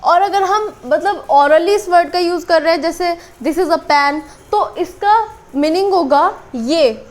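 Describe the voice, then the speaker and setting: A woman teaching English in a casual spoken lesson. She explains slowly and repeats each word, with many fillers. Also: extremely high pitch. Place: small room with a board. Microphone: camera on a tripod.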